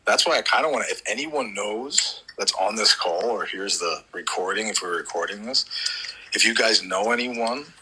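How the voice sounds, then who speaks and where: A man's voice: on the low side, normal speed, pushed and bright, slightly rough, poor audio. A man, a guitarist, talking in a loose, rambling way in a casual group voice chat, full of "like" fillers. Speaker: musician guest.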